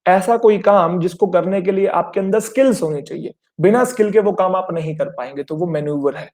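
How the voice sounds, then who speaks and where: A man's voice: high-pitched, brisk, darkish tone. A young man teaching an exam-prep vocabulary lesson, mixing Hindi and English and checking in with students often. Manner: explains in Hindi with English terms, addresses students as children; repetitive, checks in often with rhetorical questions.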